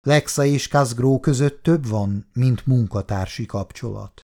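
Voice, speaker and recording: Brief: male audiobook narrator, measured, dramatic delivery. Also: mid-range voice, warm tone.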